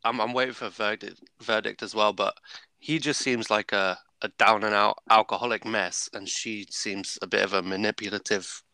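Young guy, lowish voice, dry blunt commentary in group chat. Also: steady tone, moderate pace, sharp tone, no room sound. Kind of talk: casual chat.

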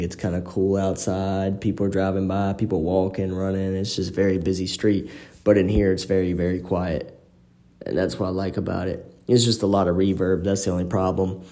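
A man with a lowish, very mellow voice tells personal stories as a podcast host. His talk is informal and slangy. He records on a phone in an apartment living room, so the room's reverb echoes around his words. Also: flat delivery, normal speed. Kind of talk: casual personal storytelling.

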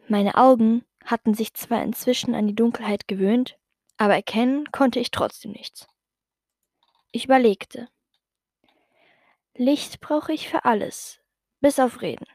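A woman narrating a children's story in the first person with gentle, slow storytelling. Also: a little high, no echo, clean studio sound.

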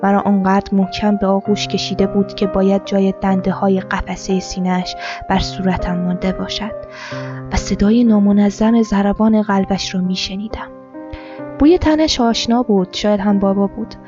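A woman author reading her own literary story, narrating in a quiet, measured first-person voice. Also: medium pitch, steady tone. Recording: dull lo-fi with soft music.

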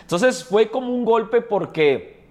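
A man's voice: sits high, lively intonation, slow, darkish tone. A man with a Costa Rican accent, a guest in a casual interview, telling his story in a chatty way with frequent tag questions. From Costa Rica.

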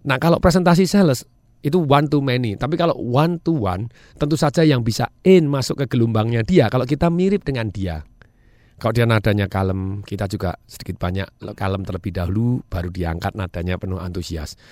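A man's voice: mid-range voice, a little fast, a little mellow, no room sound, studio quality. A man, a sales trainer guest, talking energetically with frequent laughs and English phrases. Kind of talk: enthusiastic talk-show chat.

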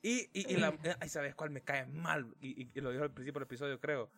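A man's voice: a little high, fairly quick, vocal fry, a bit bright. A young Honduran man hosting a casual group chat, steering the talk and playfully acting out the people he quotes. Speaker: podcast host.

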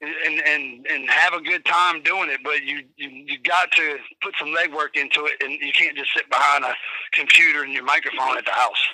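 A man who works as a festival promoter and talent manager, speaking in relaxed, plain-spoken casual chat over a phone line. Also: a little high, normal speed, dry recording.

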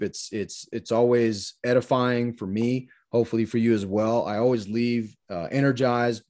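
A man's voice: medium pitch, a little mellow. A man in his forties co-hosting a podcast, introducing a guest in an earnest, effusive way, with many restarts. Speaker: podcast co-host. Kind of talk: casual interview chat.

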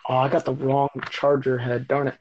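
Rambling podcast host on a dull mic. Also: male voice, mid-range voice, flat delivery, brisk, darkish tone, a little hiss or hum. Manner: rambling, full of "I mean" restarts, teasing. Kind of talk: casual podcast chat.

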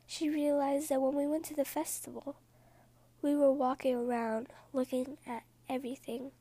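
High soft-whispering woman telling a story. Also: little pitch movement, no room sound. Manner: soft whispering with rambling asides; slow, hushed delivery.

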